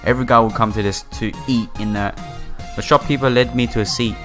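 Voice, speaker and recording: Speaking fairly quickly in a steady, medium-pitched voice, a man plays through a visual novel as a let's player. He reads the text aloud, adds offhand commentary and stumbles over some words as game music plays.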